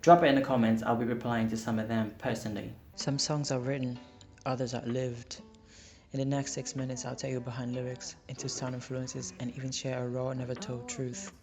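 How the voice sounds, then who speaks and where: His medium-pitched voice is a little mellow and a little fast, held at a level tone. He's a singer-songwriter whose first language is Portuguese, talking to camera in a casual vlog with candour and some self-deprecation. The recording has a roomy echo and music behind it.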